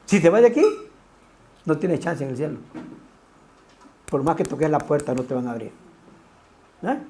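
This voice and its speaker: A man preaching a lively sermon, his pitch swinging widely from line to line. His tone is mellow and dark, and he keeps tossing quick rhetorical asides at the congregation. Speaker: pastor.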